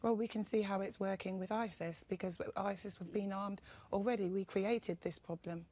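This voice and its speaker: A woman giving halting but emphatic disagreement as a guest in a televised political debate. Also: mid-range voice, steady tone, dark tone.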